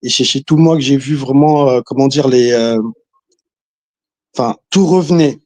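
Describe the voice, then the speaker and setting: On a video call, a man from Congo chats casually and hesitantly, restarting often, using lots of fillers and chuckling now and then. His voice is medium-pitched, a little mellow, and moderately paced, with no room sound.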